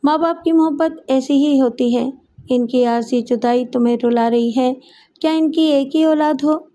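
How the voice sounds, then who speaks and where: A woman voicing a courteous, calm young man in an audiobook story. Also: sits high, moderate pace, lightly acted. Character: polite, composed young man. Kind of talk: audiobook character voice.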